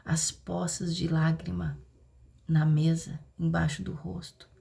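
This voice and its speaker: Pleading gravelly woman preacher. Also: low voice, little pitch movement, slow, warm tone. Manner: urgent, pleading, often dropping to a whisper. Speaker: prophetic teacher. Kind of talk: live prophetic preaching.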